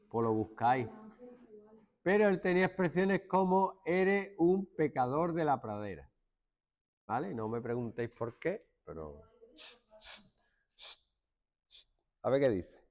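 A middle-aged man from Málaga with an Andalusian accent, teaching a joking classroom lesson and hushing his students. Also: mid-range voice. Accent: Andalusian Spanish. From Málaga, Spain. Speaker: secondary school teacher.

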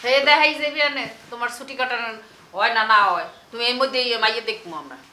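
A woman's voice: fairly high pitch, lively intonation, pushed and bright, reverberant. An actress playing a scolding village mother with an in a comedy TV drama. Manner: scolding, quick-tongued.

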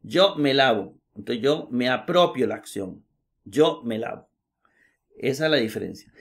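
A middle-aged male teacher gives a recorded grammar class. He talks at an ordinary pitch, goes slowly, and repeats every example with frequent "eh" hesitations. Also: expressive, creaky. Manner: slow, patient, repeats examples with many "eh" fillers.

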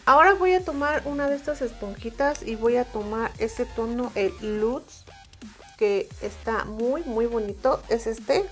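Woman, Mexican Spanish accent, high pitch, calm step-by-step makeup tutorial, soft music underneath. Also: measured pace. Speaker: makeup reviewer.

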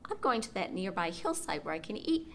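Littlest billy goat, small young male, soft pleading voice, storybook, played by a woman. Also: medium pitch, big pitch swings, brisk, slight background noise.

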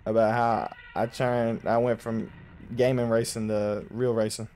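A young man giving casual, jokey commentary while playing a horror driving game, slangy and quick to yelp when startled. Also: mid-range voice, flat delivery, a little mellow, a little hiss or hum. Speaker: gaming YouTuber.

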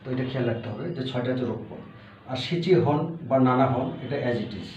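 Fast-talking and a little mellow, a man with a medium-pitched voice explains a language lesson one step at a time, patiently repeating each word. The sound is lo-fi and dull, roomy and distant, with a faint hiss.

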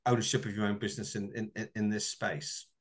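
A man's voice: lowish voice, level tone, brisk. A middle-aged man hosting a business interview over a video call, friendly, often repeating words as he frames his questions. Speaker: interview host. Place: home room indoors. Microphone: webcam on a video call.

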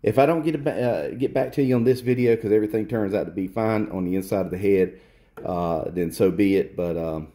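A man's voice: fairly low pitch, fairly quick, dark tone. A man in a cluttered workshop showing a repair on camera, blunt and lecturing, repeating his points for emphasis. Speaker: repair technician. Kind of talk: hands-on repair demonstration. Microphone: handheld phone camera close to the work.

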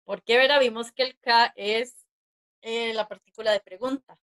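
A woman's voice: a little high, steady tone, moderate pace, a bit bright. A woman teaching a class over a video call, patiently counting strokes aloud and often checking in with her listeners. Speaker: Japanese teacher. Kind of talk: online class explanation.

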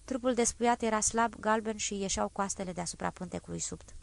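A woman voicing a grave male exile who recounts an execution in a low, even, measured tone. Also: vocal fry, dry recording, natural voice. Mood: somber. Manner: measured, somber retelling.

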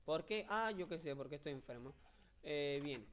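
A young man with a Spain Spanish accent giving casual, rambling video game commentary, joking and excitable, with many fillers. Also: on the high side, normal speed, slight background noise. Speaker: gameplay commentator.

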